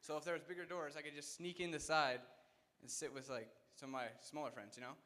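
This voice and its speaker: Young man, contestant, quick pace, highish voice, rambling joking answer. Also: steady tone, fairly bright tone. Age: teen or young adult. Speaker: pageant contestant.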